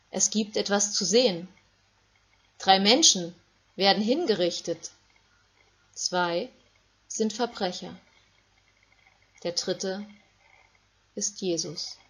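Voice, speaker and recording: A woman reading a Bible story aloud in a calm, measured way, with short phrases. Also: mid-range voice, slightly rough. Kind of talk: scripted Bible story narration for children.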